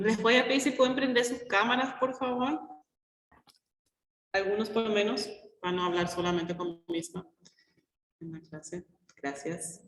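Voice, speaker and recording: A woman's voice: medium pitch, fairly bright tone. A woman lecturer talking casually and a little hesitantly to an online class, in an echoey classroom with a cathedral-like echo. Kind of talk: casual spoken class talk. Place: classroom with heavy echo, on a live video class. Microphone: open device mic, no headset.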